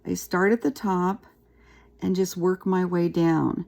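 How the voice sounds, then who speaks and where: Gravelly-voiced woman teaching a craft. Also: on the low side, takes it slowly. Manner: chatty, relaxed, talks while working with her hands. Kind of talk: casual craft tutorial.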